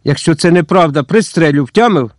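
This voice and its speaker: A man's voice: on the high side, lively intonation, fairly quick, no room sound, pitched above the performer's own voice, lightly acted. A man voicing a furious middle-aged male party boss who barks threats and curt orders, in a dry audiobook recording. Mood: threatening.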